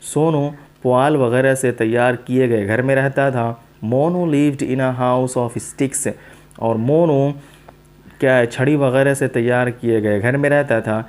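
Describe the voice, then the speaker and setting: A man teaching English vocabulary to students, reading a story line by line and explaining each word slowly and with repetition. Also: mid-range voice, fairly even intonation, a little mellow, clean tone. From South Asia. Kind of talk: teaching English to Hindi speakers.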